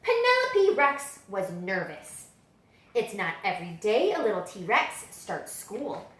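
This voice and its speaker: A woman reading children's picture books aloud as a story-time librarian, with dramatic, expressive storytelling. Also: medium pitch, slow. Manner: dramatic, animated storytelling delivery. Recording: echoey room.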